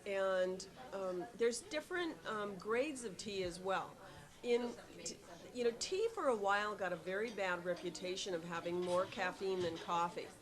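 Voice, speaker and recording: A woman's voice: medium pitch, normal speed, a crowd in the background. A middle-aged woman who runs a tea shop, answering interview questions with many ums and restarts and an eager tone.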